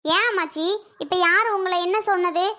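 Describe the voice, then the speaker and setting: A woman's voice: very high voice, normal speed, bright, forceful tone. A woman voicing a young daughter-in-law in a cartoon, coaxing and questioning. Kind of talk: animated cartoon voice acting.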